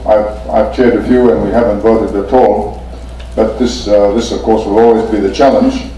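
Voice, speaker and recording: A Fijian man chairs a formal meeting, speaking politely and in a measured way with frequent pauses. His voice is mellow, on the low side, and flat in delivery. He sits far from the mic in an echoey conference room with a faint hum of ambience.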